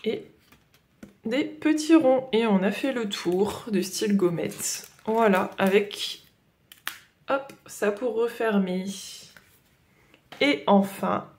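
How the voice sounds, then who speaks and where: Slow, hesitant Ch'ti-accented woman. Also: mid-range voice, darkish tone, a little hiss or hum. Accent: Northern French (Ch'ti). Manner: hesitant, many fillers and "voilà". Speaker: coloring vlogger. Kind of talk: casual haul chat.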